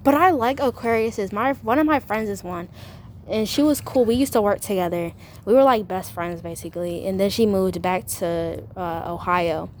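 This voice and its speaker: A woman's voice: medium pitch, normal speed, a little mellow, slight background noise. Chatty young woman podcast guest. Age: young adult. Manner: chatty, fills speech with "like". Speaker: guest, college student. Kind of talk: casual chat.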